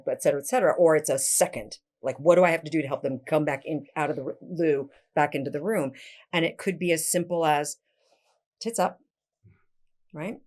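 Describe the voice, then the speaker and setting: A woman guest on a podcast, talking casually as a coach and acting out little scenes as she explains. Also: low voice. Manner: animated, acts out little scenes.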